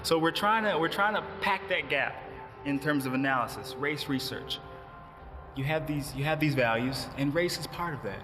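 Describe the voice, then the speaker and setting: Brief: male researcher, a bit high-pitched, explanatory, long room reverb, clear music behind. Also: expressive, normal speed. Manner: explanatory, with fillers and repeats. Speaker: policy researcher. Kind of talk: documentary interview.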